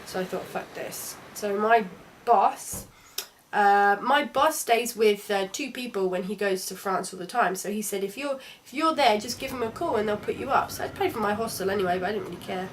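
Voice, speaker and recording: Young woman, casual travel vlog, chatty, candid, mid-pitched voice. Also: moderate pace, slight background noise. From London. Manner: chatty and candid, with frequent restarts. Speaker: travel vlogger.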